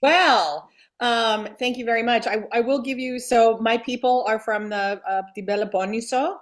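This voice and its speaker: A woman who grew up in Greece and Delaware, a state legislator speaking earnestly and haltingly as an interview guest. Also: a little high. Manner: earnest, halting with many pauses. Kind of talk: interview conversation.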